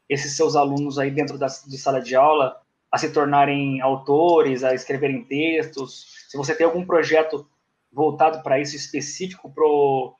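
A man's voice: on the high side, lo-fi sound. A man interviewing a guest, asking a long, rambling question full of hesitations.

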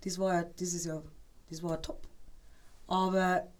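A woman with a Bavarian accent, a podcast guest telling lively anecdotes in casual chat and laughing between them. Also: lowish voice, takes it slowly. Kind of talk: casual storytelling.

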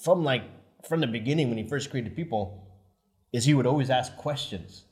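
A man's voice: medium pitch, moderate pace, a little mellow. A man, a missionary, reminiscing in casual conversation, reflective, laughing easily, his sentences loose and rambling.

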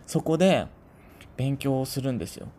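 A chatty man from Tokyo rambles through a personal story, wandering off into little asides. His mid-pitched voice bounces up and down in a lively way, and a faint hiss sits behind him. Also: moderate pace. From Tokyo, Japan. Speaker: channel host. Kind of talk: casual storytelling monologue.

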